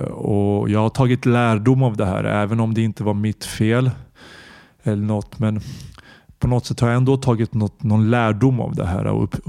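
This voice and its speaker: Brief: podcast host, male, low and gravelly, earnest reflective monologue that gropes for words. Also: darkish tone, dry recording, clean studio sound.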